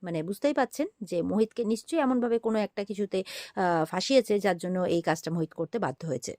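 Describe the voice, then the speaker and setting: A woman retelling a serial episode as a story, talking quickly with frequent "um"s and "aah"s. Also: medium pitch, dark tone, dry recording, clean studio sound. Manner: rapid, with fillers like "um" and "aah". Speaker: serial recap narrator. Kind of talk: fast storytelling recap.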